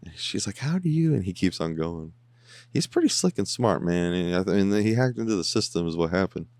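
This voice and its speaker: A man with a very deep, gravelly voice gives loose, excitable running commentary as he watches an episode. He swears casually and keeps the talk chatty. The sound is dry and close. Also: brisk, dry recording. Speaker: podcast host reacting to an episode.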